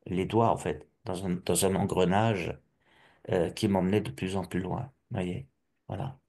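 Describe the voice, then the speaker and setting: A middle-aged man from Alsace giving a personal testimony, halting and restarting often with repeated words. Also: deep voice, steady tone, gravelly, dark tone. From Alsace, France.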